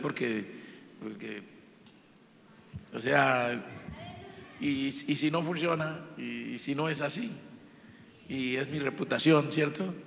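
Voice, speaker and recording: A man's voice: medium pitch, vocal fry, fairly bright tone. A man with a Colombian accent preaching a sermon as pastor, impassioned and emphatic, driving points home by repetition. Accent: Colombian Spanish. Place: church sanctuary. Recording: long church reverb.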